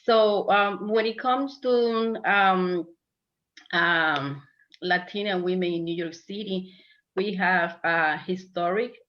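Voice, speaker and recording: Halting woman speaking on a video call. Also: on the low side, highs cut off. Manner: halting, many fillers. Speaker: panelist. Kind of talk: virtual panel talk.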